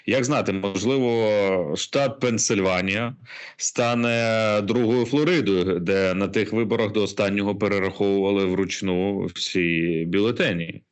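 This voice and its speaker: Low-voiced formal male host. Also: steady tone, measured pace, smooth. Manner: formal, polite questioning. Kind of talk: interview questions.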